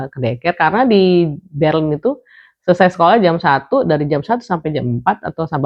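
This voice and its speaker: A woman vlogger with a low voice tells a personal story in a chatty, rambling way. She fills pauses and restarts often, and slips English words into her sentences. The recording sounds dull and lo-fi. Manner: chatty, many fillers and restarts, drops English words into the talk. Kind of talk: casual storytelling.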